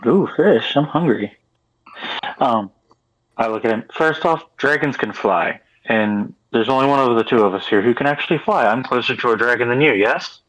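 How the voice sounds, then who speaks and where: A man's voice: mid-range voice, normal speed, fairly bright tone, rough recording. A man playing a tabletop game, playful and bluffing in character. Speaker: player.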